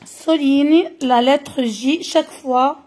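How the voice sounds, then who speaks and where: A woman teacher with a Moroccan accent and Moroccan Arabic as her first language, slowly reading out French words for children, repeating each one carefully. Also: sits high, darkish tone. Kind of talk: French phonics lesson for children.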